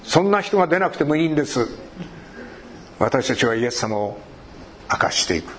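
A male pastor preaches with a high voice that swings widely in pitch. He jokes with his listeners and acts out short scenes of talk. A faint hiss sits behind him. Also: moderate pace. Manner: animated, jokes and acts out little dialogues. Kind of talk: sermon.

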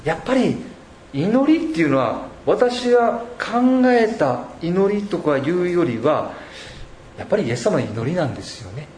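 A man preaching a sermon as pastor, measured and reflective, pausing often between thoughts. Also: high voice, very animated, a little mellow. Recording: echoey room.

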